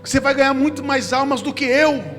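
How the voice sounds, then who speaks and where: A man voicing an angry, blunt young male pastor who scolds and exclaims loudly. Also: very high voice, level tone, a little fast, pitched above the performer's own voice. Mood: urgent. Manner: scolding, exasperated shouting. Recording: church reverb with instrumental music.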